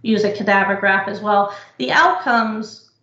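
A woman presenting research on knee injury rehab in an explanatory, measured way, with frequent fillers, over a video call. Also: mid-range voice, sharp tone. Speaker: physical therapy researcher presenting. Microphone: computer mic on video call. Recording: echoey lo-fi video call audio.

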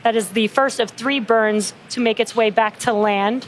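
A woman with a fairly high voice hosts a live launch webcast, explaining as she commentates. There is clear noise behind her. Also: fairly even intonation, moderate pace, low-quality recording.

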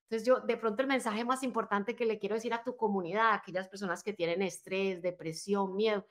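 A woman coach speaks in an earnest, motivational way, talking through her own experience in a relaxed interview. She has a middle-range voice and often tags her sentences with "right?" as she makes her points. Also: medium pitch, fairly quick. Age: adult, married with children. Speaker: life and business coach, podcast guest. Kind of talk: conversational interview, personal story.

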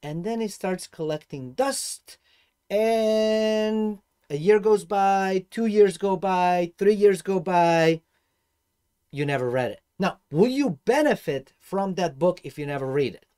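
A man from Serbia in his thirties with a Serbian accent, talking to a webcam about personal finance in an animated, gesturing way. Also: high-pitched, slow, clean tone. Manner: animated, gestures a lot, swings between loud and soft. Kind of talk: casual vlog monologue. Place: dark room indoors.

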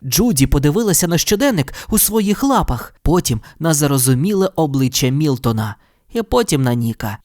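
A low-voiced woman reads an audio storybook aloud. Her pitch rises and falls a lot as she tells the tale, and the recording is dry and close. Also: no room sound. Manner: expressive, animated reading. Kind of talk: storybook narration.

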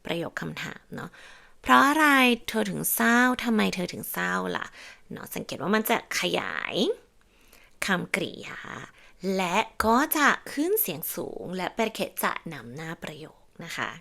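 Gravelly-voiced woman teaching grammar. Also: fairly low pitch, very animated, fairly bright tone. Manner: explains patiently, repeats examples slowly. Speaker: Italian language teacher. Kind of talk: online grammar lesson.

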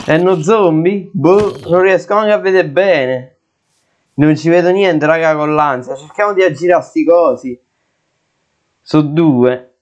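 A young man talks through a video game, jumpy and quick to cry out or curse when startled. His voice sits a little high for a man. The recording is muffled and lo-fi. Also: a little mellow. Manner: jittery, exclaiming and swearing in fright. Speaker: gaming video creator. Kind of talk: let's play commentary. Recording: dull lo-fi sound.

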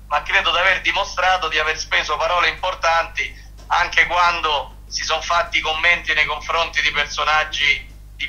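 A club president's voice comes through a speakerphone, very sharp and bright, pitched a little high for a man. He calls in from a car and speaks in a formal, deliberate way. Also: rough recording. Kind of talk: press conference call-in. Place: in a moving car.

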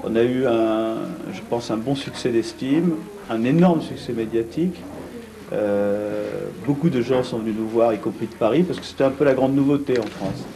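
A middle-aged man seated in a gallery cellar, answering an interview in a blunt, brisk way with many restarts. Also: medium pitch, warm tone, rough recording. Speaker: art fair organizer. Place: vaulted brick gallery cellar, indoors.

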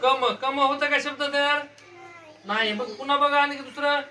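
A woman's voice: high voice, steady tone, moderate pace, sharp tone. A woman teaching young children in a school classroom, patiently prompting them with repeated questions. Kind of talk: classroom word-game lesson. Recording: noisy classroom recorded from a distance.

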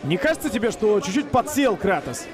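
A man giving excited live commentary on a fight as a commentator. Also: high voice, brisk, over music, a crowd in the background.

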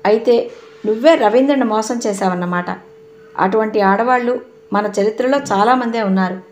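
A woman's voice: a little high, moderate pace, a little mellow, natural voice. A woman narrator voicing a stern, sarcastic young husband who fires accusing questions.

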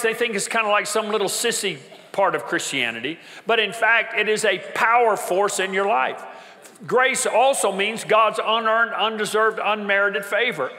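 A man preaching a sermon as pastor, with an emphatic, repetitive cadence that builds to shouting. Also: high-pitched. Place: church sanctuary. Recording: reverberant church hall.

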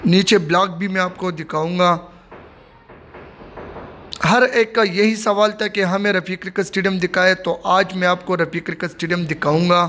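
Man, high voice, casual phone-filmed site tour vlog. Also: fairly even intonation, moderate pace, pushed and bright, a little hiss or hum. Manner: repetitive, plain commentary while filming. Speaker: vlogger giving a site tour. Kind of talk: casual walking tour narration. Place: outdoor construction site of a stadium. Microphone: handheld phone.

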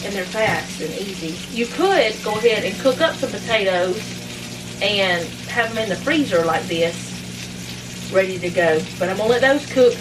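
This middle-aged cooking vlogger is animated and talks at a moderate pace in a mid-range voice. She rambles through a casual cook-along while making supper at home, poking fun at herself along the way. Loud sizzling from the frying pan fills the noisy background.

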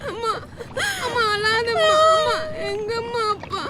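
A woman's voice: extremely high pitch, a little slow, crowd noise, noisy background. A woman acting a frightened, crying young child in an emotional radio drama, plaintive and repetitive. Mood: tearful, frightened. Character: frightened, tearful young child comforting mother.

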